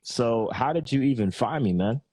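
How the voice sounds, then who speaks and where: A man's voice: medium pitch, lively intonation, normal speed, darkish tone, husky, no echo. A man hosting a podcast, chatting in a laid-back, friendly way with lots of fillers over a remote call. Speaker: podcast host. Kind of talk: casual interview chat. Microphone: remote call microphone.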